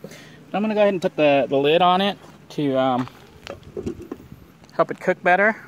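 This high-pitched man is cooking outdoors by a van and narrating the process casually for his vlog at a moderate pace. He rambles in a relaxed way with many fillers. The recording has its highs cut off and a little hiss or hum.

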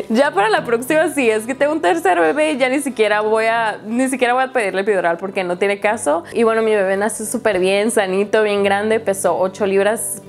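A young woman tells a personal story to her viewers in a chatty, candid way, with lots of fillers. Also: medium pitch. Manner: chatty, candid, full of fillers, laughs often. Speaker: vlogger. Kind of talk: casual storytelling to camera.

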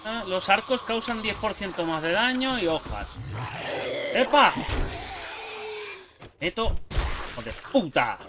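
A man's voice: sits high, noisy background. A young man with a Spain Spanish accent giving casual let's-play commentary, swearing and chatting to himself as he plays. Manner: lively, swearing, talking to himself and the game. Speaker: gameplay YouTuber.

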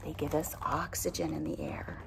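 In a whispered, very animated low voice at normal speed, a teacher in her thirties reads a picture book aloud to small children, expressively and with simple explanations and questions. The recording is rough but has a clear background, made in a classroom decorated with alphabet walls.

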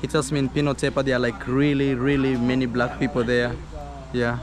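A man in his thirties with a Kenyan accent, chatting casually for a travel vlog in English and halting non-native Spanish. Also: mid-range voice, little pitch movement. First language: not Spanish; speaks halting, non-native Spanish. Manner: halting, searching for words in Spanish. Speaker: travel vlogger. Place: outdoors at open thatched beach huts. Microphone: handheld action camera at arm's length.

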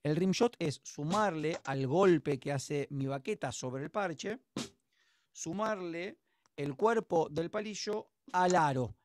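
A man's voice: a little high, darkish tone, a little hiss or hum. A man teaching drums in an online class, explaining patiently and encouragingly with a Rioplatense Spanish accent over a video call. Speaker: drum teacher.

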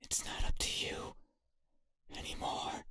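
A woman voicing an eerie night spirit that wants a person's eyes, speaking in a slow, cryptic, breathy whisper. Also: bright, forceful tone. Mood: menacing whisper.

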